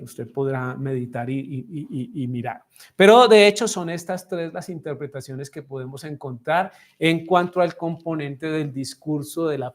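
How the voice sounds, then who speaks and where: A man with a Colombian accent, a messianic pastor teaching a Bible study to a class and asking them frequent questions. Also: high voice. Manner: asks the class frequent questions, measured and deliberate. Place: congregation room with listeners.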